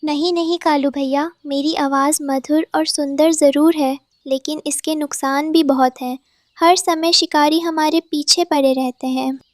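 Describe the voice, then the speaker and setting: A woman voicing a sweet, gentle female cuckoo in a children's cartoon story, speaking politely. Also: sits high, fairly even intonation, measured pace, dry recording, clean studio sound. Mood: gentle worry.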